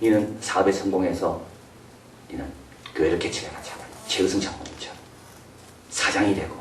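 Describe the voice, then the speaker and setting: A man preaching a sermon as pastor, animated, sometimes acting out the voices of the people he describes. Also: low-pitched, brisk, a little hiss or hum. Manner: animated, acts out voices of biblical figures and parents. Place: church sanctuary. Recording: roomy echo, mic from a distance.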